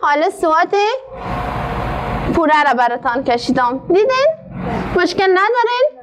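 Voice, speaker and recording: A woman teaching a literacy class in an Afghan Dari accent, asking the class many questions and reading syllables out very slowly. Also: very high voice, animated, noisy background. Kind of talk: classroom lesson.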